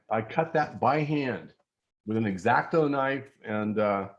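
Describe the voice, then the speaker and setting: A man in his sixties, a guest telling technical stories from his long career in a relaxed way over a video call. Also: medium pitch. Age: 60s. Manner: relaxed storyteller, technical and anecdotal. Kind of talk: casual chat.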